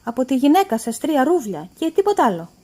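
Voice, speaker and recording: A woman voicing a timid, meek young governess who speaks softly and hesitantly, her voice trembling. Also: high-pitched, very animated, pitched above the performer's own voice.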